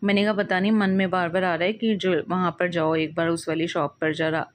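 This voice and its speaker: A woman's voice: on the low side, level tone, fairly quick, slight background noise. A woman casually telling a personal devotional experience in a meandering way, often restarting and correcting herself.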